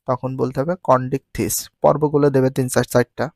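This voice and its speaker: A man's voice: medium pitch, little pitch movement, darkish tone, no room sound. Drilling male teacher, dry close sound. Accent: Bangladeshi Bengali. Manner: repeats key terms slowly to drill them; mixes English words into his teaching. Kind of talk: textbook lesson with repeated questions.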